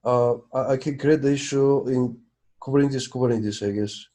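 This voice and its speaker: A man's voice: mid-range voice, fairly even intonation, moderate pace, warm tone. A man talking casually on a video call during a technical meeting, thinking aloud as he checks documents. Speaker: project maintainer in a video meeting.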